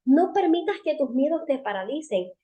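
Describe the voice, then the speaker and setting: A woman's voice: high-pitched, very animated, moderate pace, highs cut off. Earnest woman teaching a faith seminar. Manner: earnest, asks the audience rhetorical questions; addresses listeners directly as friends and sisters. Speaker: women's seminar speaker.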